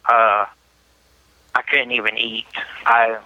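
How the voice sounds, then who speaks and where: A young man talking on a prison payphone line, in a flat, halting way with restarts. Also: mid-range voice, no room sound. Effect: prison payphone call line. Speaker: prison inmate. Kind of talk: interview over a prison phone. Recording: muffled prison phone line.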